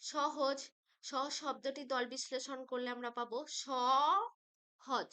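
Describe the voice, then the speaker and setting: Bright-voiced woman teaching a grammar class. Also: sits high, steady tone. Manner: slow, patient, drawn-out syllables when spelling out words. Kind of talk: grammar lesson for school pupils.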